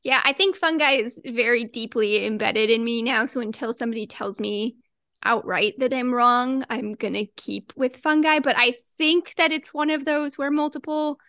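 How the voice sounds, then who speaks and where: A woman with a slightly high, fairly bright voice talks at normal speed on a dry, clean studio recording. As a podcast co-host, she leads the casual conversation in a chatty way, laughing often.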